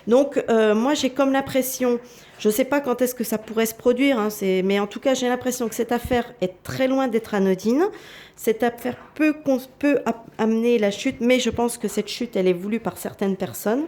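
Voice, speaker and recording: A woman's voice: on the high side, moderate pace, a little mellow. A woman giving a casual tarot reading, talking hesitantly with many fillers and restarts, confiding asides to her viewers. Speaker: tarot reader.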